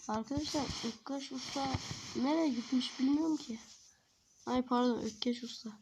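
A woman's voice: sits high, normal speed, noisy background. A woman narrating her own game role-play in a chatty way, constantly talking to the viewers.

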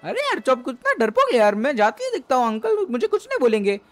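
Woman playing a cheeky lil kid, super high voice, bouncy. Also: huge pitch swings, quick pace, faint music behind. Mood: teasing. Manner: cheeky, carefree. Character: cheeky little five-year-old boy. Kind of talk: game role-play voice acting.

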